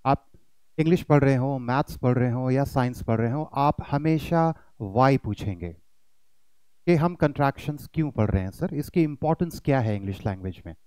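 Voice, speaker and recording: A man's voice: medium pitch, moderate pace, a little mellow, smooth, dry recording, rough recording. A man teaching pronunciation in an online lesson, addressing his students as kids and demonstrating rising and falling intonation.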